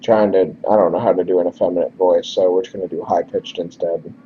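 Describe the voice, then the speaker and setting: A man's voice: deep voice, little pitch movement, fast, dark tone. A man narrating a game he plays, reading its text with sarcastic, offhand asides, in a dull lo-fi recording with faint hiss. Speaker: let's play narrator. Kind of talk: casual game commentary and reading.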